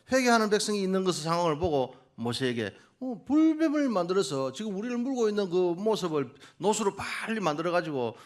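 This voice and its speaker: Lively higher-voiced man preaching a sermon. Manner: quizzes the congregation and coaxes answers; lively, builds to loud emphatic peaks. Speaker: missionary preacher. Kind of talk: Sunday morning sermon.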